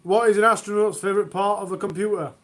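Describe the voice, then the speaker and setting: High-voiced man reading groaner jokes. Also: fairly even intonation, fast talker, fairly bright tone. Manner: self-mocking, groans at own jokes. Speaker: livestream host. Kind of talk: reading jokes on a charity livestream. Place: home.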